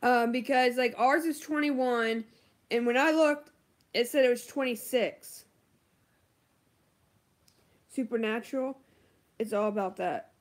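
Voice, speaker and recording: A woman's voice: a little high, slow pace, pauses often. A woman beauty vlogger chatting casually on a livestream, answering viewer comments with lots of ums and likes.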